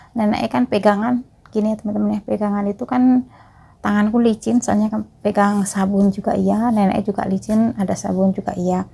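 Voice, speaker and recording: A woman's voice: mid-range voice, creaky, warm tone, husky. A woman from East Java, a migrant caregiver chatting casually to her viewers in a vlog and often calling them friends. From East Java, Indonesia.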